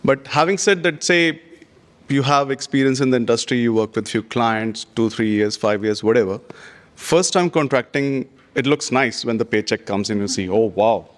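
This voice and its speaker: Man, conference panelist, earnest, advice-giving, mid pitch, talks in loose run-on phrasing. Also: moderate pace. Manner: earnest, advice-giving, frequent "you know" and "having said that". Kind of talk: panel discussion answers. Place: conference stage.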